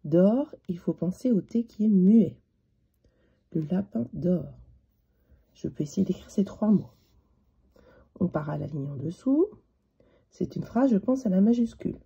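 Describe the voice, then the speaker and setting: A woman teacher giving a slow, patient handwriting lesson to young children, spelling out each letter as she writes. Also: medium pitch, lively intonation, vocal fry, mellow, breathy edge, lo-fi sound.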